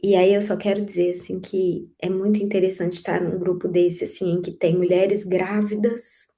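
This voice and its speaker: A woman in her forties sharing her personal experience in a group conversation, speaking in a halting, reflective way with many pauses and restarts. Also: fairly low pitch, little pitch movement, warm tone. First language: Portuguese. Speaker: group participant.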